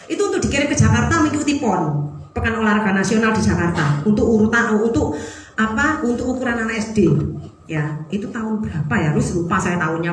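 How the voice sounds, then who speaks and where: A middle-aged woman with an East Javanese accent, preaching a sermon and telling a personal story in a lively, animated way. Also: medium pitch, slight background noise. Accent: East Javanese (Surabaya). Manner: animated, lively, mixes in Javanese phrases, laughs while telling. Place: church hall. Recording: very echoey church hall.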